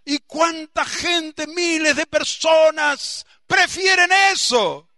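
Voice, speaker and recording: A man with an Argentine accent preaching a sermon as pastor, emphatic, bursting into shouts on key words and dropping low for asides. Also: slow pace, no echo, studio quality. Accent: Argentine Spanish.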